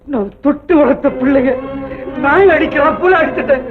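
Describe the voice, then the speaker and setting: A man's voice: very high voice, normal speed. An actor playing a remorseful uncle who pleads and calls out after a boy in a 1960s film. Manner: pleading, calling out repeatedly. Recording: tinny old film soundtrack with music.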